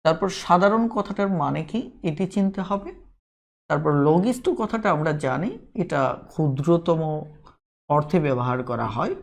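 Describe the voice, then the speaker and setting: A woman's voice: low-pitched, gravelly, a little mellow. A woman teaching a math lesson online, patiently repeating key points and putting questions to her viewers.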